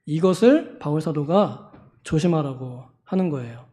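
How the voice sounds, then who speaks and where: A man preaches a sermon in a church with a Seoul Korean accent. His voice sits high, and he stays lively, slipping into sharp, loud scolding voices to make his points. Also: normal speed. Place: church sanctuary.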